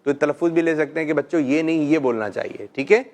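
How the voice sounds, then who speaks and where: A middle-aged man hosting a children's call-in show, gently quizzing kids and praising them often. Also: a little high. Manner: gentle, coaxing questions, frequent "mashallah".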